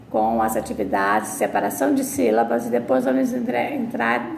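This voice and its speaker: A woman teacher from Brazil with a high voice and a strong gravelly fry, talking slowly. She spells words out syllable by syllable for children. Her voice bounces around an echoey room. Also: a little hiss or hum. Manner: slow, deliberate syllable-by-syllable explanation. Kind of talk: recorded video lesson for children.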